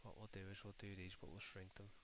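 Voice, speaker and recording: This Scouse streamer from Liverpool talks fast in a low, even voice, keeping up laid-back, chatty banter with viewers as he builds in a game editor. He calls everyone mate or lad and mutters to himself while working, with background noise behind him.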